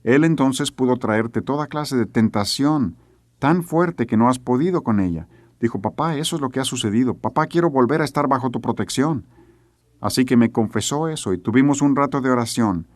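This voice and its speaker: A man's voice: mid-range voice, normal speed, no room sound. A middle-aged man teaching a sermon, telling a family story earnestly and acting out the voices he quotes. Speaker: preacher.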